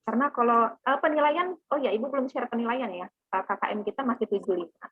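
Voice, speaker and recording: Soft music plays behind a woman with a slightly high, husky voice who speaks quickly, with no room sound. She's a teacher giving her online class a briefing, explaining plans and often checking understanding, over narrow phone-like call audio.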